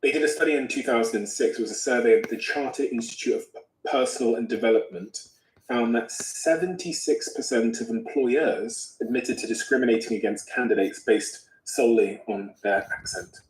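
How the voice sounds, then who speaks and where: A man's voice: mid-range voice, moderate pace. Thoughtful male interviewer, echoey room. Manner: thoughtful, musing questions. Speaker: interviewer, podcast host. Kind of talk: casual conversation. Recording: roomy echo.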